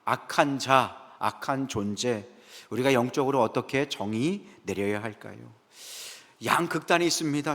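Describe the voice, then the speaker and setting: Male pastor, sermon, mid pitch, rhetorical questions, reverberant sanctuary. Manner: rhetorical questions, frequent "예" affirmations, lively asides to the congregation. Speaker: senior pastor. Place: church sanctuary, Friday prayer service. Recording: echoey church hall.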